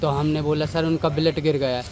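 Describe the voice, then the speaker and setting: A man's voice: on the high side, level tone, fairly quick. Aggrieved young man, street noise. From Damoh district, India. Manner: urgent, aggrieved, repeatedly addressing the reporter as sir. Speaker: bereaved family member. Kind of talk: recounting to a reporter. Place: outdoors at a hospital at night.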